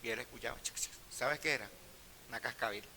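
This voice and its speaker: A middle-aged male pastor preaching a sermon, telling personal stories in a hushed voice and rising to loud, emphatic preaching. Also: mid-range voice, brisk, slight background noise.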